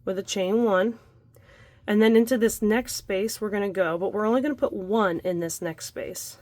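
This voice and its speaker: A woman's voice: mid-range voice, moderate pace, darkish tone, no room sound. A young adult woman leading a casual crochet tutorial at home, chatty and laughing often, breathing heavily from the effort. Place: home room by a window.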